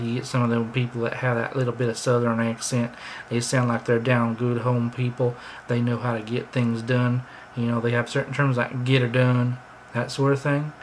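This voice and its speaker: A man's voice: medium pitch, a little hiss or hum, low-quality recording. An American man telling rambling, chatty stories in a casual monologue. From United States. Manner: rambling, chatty, drifting between anecdotes. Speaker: vlogger.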